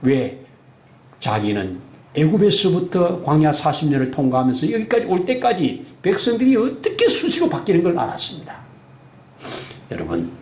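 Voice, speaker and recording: A male pastor preaching a sermon, animated and acting out the voices in the scripture passages. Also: medium pitch. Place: church sanctuary. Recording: echoey church room.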